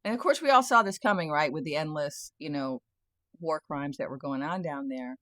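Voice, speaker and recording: A woman's voice: deep voice, moderate pace, a bit bright, no room sound, clean studio sound. A woman giving a casual satirical monologue about the news, often breaking into laughter and talking with sardonic glee. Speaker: tarot and spirit-guide commentator. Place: home, near a garage.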